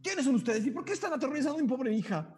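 A man's voice: extremely high pitch, animated, racing, a little mellow, soft background music, pitched above the performer's own voice. A man voicing an indignant, protective mother in a tabletop game, in a huffy, scolding tone.

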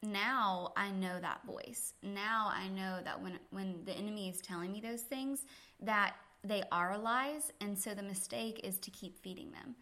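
A woman's voice: mid-range voice, unhurried, bright, forceful tone. A woman yoga instructor, a podcast guest, telling earnest and reflective stories about faith and teaching, laughing easily. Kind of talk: faith-centered conversational storytelling.

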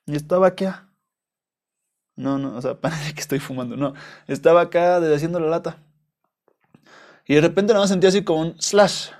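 In a casual storytelling monologue, a young adult podcast host with a Mexican accent rambles along using slang and swearing. His slightly high, slightly mellow voice moves at a moderate pace, broken by long pauses.

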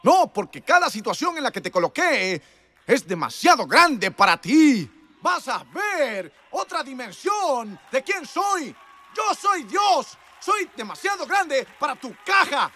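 A preacher voicing God, proclaiming and shouting in slow, drawn-out lines during a sermon. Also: male voice, extremely high pitch, very animated, pitched above the performer's own voice, exaggerated voice. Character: God speaking, booming and majestic.

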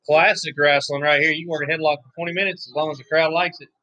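A hoarse man, giving laid-back, chatty play-by-play commentary on a wrestling match, with offhand asides. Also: on the high side, steady tone, fast talker, bright, forceful tone, dry recording, dull audio. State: hoarse, losing his voice. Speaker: wrestling watch-along commentator.

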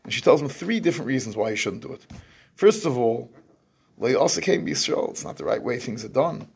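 A man's voice: mid-range voice, expressive, fairly quick, gravelly, darkish tone, breathy edge. A man teaching a scripture class, explaining verses at length and often restarting his phrases. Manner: explains in English with Hebrew terms, restarts often. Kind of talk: lecturing on scripture.

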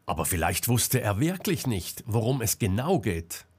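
A man's voice: fairly low pitch, sing-song, moderate pace, a little mellow, husky. A man voicing a puzzled male companion, a psychologist, who asks hesitant questions in an audiobook.

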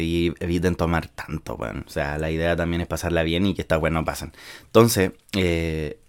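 A young man with a Chilean accent, telling a story casually in slang-filled speech. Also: low voice. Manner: informal and slangy, with frequent filler words. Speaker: vlogger.

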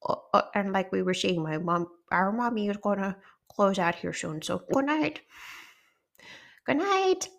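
A woman putting on a cheerful little girl koala toy, high sweet childish chatter, slightly gravelly edge. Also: expressive, a little slow, a bit bright.

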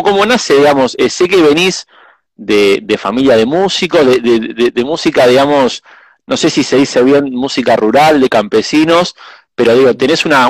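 A man with an Argentine Spanish accent hosting a podcast interview, pausing often with repeated words and fillers. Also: mid-range voice, dry recording, poor audio. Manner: warm-hearted, hesitant with many eh and repeated words. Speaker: podcast host. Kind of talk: casual interview chat.

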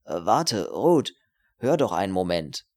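Man voicing a gravelly selfish young student. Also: low-pitched, sing-song, normal speed, pitched below the performer's own voice, full character voice. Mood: wheedling. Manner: nervous, pleading, then spiteful. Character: selfish young male student, cowardly then vicious. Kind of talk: audiobook character reading.

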